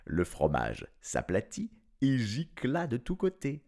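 Playful lively male storyteller. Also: medium pitch, slow pace. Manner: playful asides in slang, chuckling. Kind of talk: casual storytelling.

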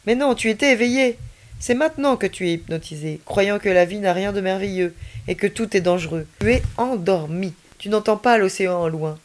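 A woman voicing a cheerful, calm alien boy in a children's story, playful and unruffled. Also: mid-range voice, brisk, natural voice. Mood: carefree. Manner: playful, unruffled, laughing easily.

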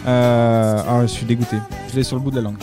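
Male co-host, casual banter, quick enthusiastic reactions, music clearly under him. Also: mid-range voice, level tone. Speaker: podcast co-host guessing songs. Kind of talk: casual chat.

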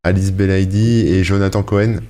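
A man's voice: deep voice, steady tone, normal speed, warm tone. A man co-hosting a podcast, casually reviewing a film, rambling with frequent fillers. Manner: rambling, hesitant, frequent "euh" and "hein". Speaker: podcast co-host.

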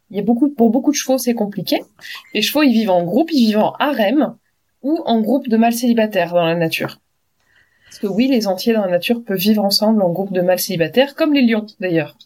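A woman's voice: on the high side, a little mellow. A woman co-hosting a podcast, explaining in a chatty way with examples and fillers. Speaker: podcast co-host. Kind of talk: casual explanatory chat.

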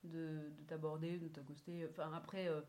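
A young woman guest in a casual podcast chat, talking hesitantly with many pauses and soft laughs. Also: deep voice, flat delivery.

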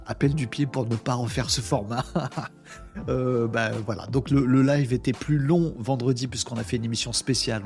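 A man's voice: medium pitch, darkish tone. A man hosting a live stream, chatting loosely with many fillers and reading out viewer comments. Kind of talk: casual live stream chat.

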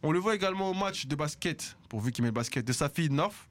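Belgian male radio host, quick and a bit high, joking chat between news bits. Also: lively intonation. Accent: Belgian French. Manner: joking, reads news items quickly with fillers. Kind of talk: casual hip hop radio chat. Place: radio studio.

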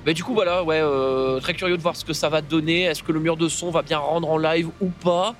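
A man's voice: on the high side, fairly quick, slight background noise. A French man talking casually and hesitantly from inside a car. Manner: hesitant, relaxed. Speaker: podcast co-host.

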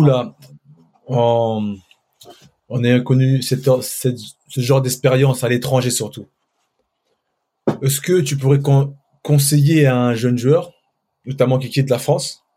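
A man's voice: medium pitch, steady tone, unhurried, pauses often, warm tone. A man co-hosting a casual podcast, putting long, winding questions to a guest with fillers. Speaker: co-host asking questions.

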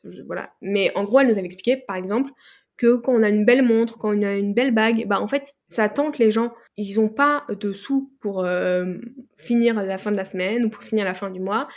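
A young woman from France chats as a podcast guest, her voice sitting at an ordinary middle pitch. She rambles through her stories, circling back with frequent fillers and restarted phrases. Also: a little fast. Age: young adult. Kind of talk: casual interview chat.

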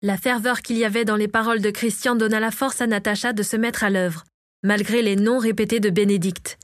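A woman's voice: medium pitch, no echo, clean studio sound. Woman steadily narrating a fantasy audiobook. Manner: steady, measured reading.

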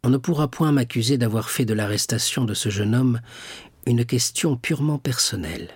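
Man reading as a cold, calculating prosecutor, husky storybook voice, dry close sound. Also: medium pitch, moderate pace, dry recording. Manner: smooth, guarded, calculating. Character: scheming cold young royal prosecutor. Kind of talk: audiobook character reading.

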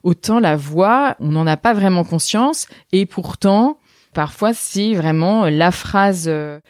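A woman's voice: on the low side, animated, takes it slowly, a little mellow, dry recording, clean studio sound. A woman speech therapist answering interview questions in a thoughtful, explanatory way.

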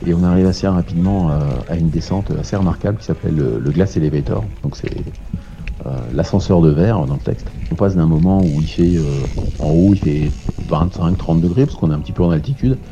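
A man's voice: sits low, fairly quick, mellow, slight background noise. A man in his forties chatting casually about a long bike race, with many fillers and dry jokes. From France. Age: 40s. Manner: hesitant, many fillers, joking. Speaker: amateur ultra-distance cyclist. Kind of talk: casual interview talk. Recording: dull lo-fi sound with music behind.

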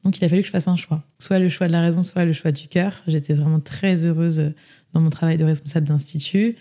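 A young adult woman, a guest on a casual podcast, tells her story in a chatty way, full of fillers and restarts. Her voice sits low and is mellow and steady in tone, moving a little fast.

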